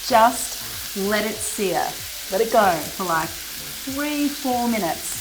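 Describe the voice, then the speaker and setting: A woman's voice: fairly high pitch, lively intonation, slow, background noise. A woman hosting a casual cooking demonstration in a kitchen, chatty and playful, laughing at herself as she talks. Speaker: cooking show host.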